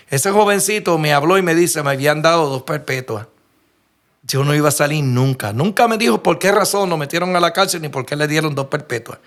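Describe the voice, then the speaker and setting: A man from Puerto Rico, speaking with a Puerto Rican Spanish accent, preaches a sermon in a slightly high, somewhat bright voice. He tells stories earnestly, restarting often and asking rhetorical questions.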